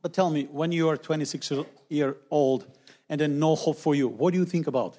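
A man's voice: a little high, fairly even intonation, mellow. Man preaching in short, plain phrases. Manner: short phrases, pausing for the interpreter, rising to calls to the congregation. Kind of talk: sermon testimony in English, interpreted line by line.

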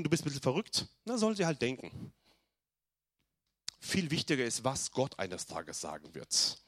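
A man preaching a sermon to his congregation, reading scripture slowly and swinging from soft and low to loud, urgent calls. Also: dry recording, clean studio sound. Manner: reads scripture slowly with emphasis, talks to the congregation directly. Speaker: pastor.

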